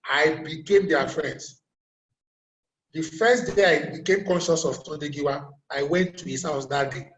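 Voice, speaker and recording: A man's voice: on the high side, measured pace, fairly bright tone, reverberant, lo-fi sound. A middle-aged Nigerian man giving a career talk, telling stories and asking his audience rhetorical questions. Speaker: motivational speaker.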